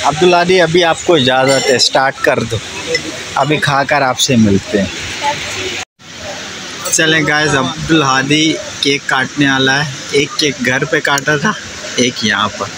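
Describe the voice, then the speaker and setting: A man's voice: medium pitch, measured pace, background noise. A man in his thirties narrating a casual family vlog from a restaurant and cafe, chatting to viewers and coaxing a child along. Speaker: vlogger. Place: restaurant and themed cafe, partly outdoors.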